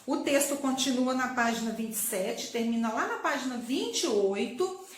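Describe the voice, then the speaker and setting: A woman teacher talks warmly to young pupils, calling them her loves and checking in often. Her voice sits high, and the room rings with heavy echo. A faint hiss of noise runs under the recording. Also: expressive, moderate pace. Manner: affectionate, talks to pupils as "my loves", frequent tag questions. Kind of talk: recorded online class.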